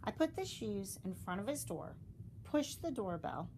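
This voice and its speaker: Lively woman reading a storybook aloud. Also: mid-range voice, unhurried, gravelly, noisy background. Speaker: storybook reader. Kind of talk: expressive children's read-aloud narration.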